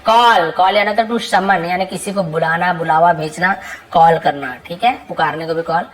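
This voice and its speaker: A woman's voice: fairly low pitch, steady tone, low-quality recording. A woman teaching English vocabulary, who patiently repeats each word and its meaning. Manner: reads English words slowly and carefully. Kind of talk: reading a word list with Hindi explanations.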